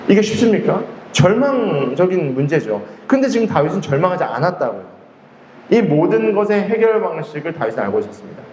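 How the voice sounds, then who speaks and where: Lively-voiced preacher man in echoey hall. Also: high-pitched, brisk, a little hiss or hum. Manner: conversational preaching, asks the congregation questions. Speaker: pastor. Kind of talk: sermon. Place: church hall. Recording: echoey hall with faint ambience.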